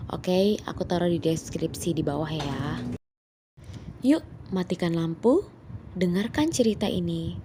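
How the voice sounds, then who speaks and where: A chatty horror channel host tells stories in a casual, scripted-feeling style, calling her listeners "guys" and mixing in English words. Her voice sits on the low side, and she can't roll her R sounds, giving them a lisp-like quality. She speaks at a measured pace with frequent pauses, over background music in a noisy setting.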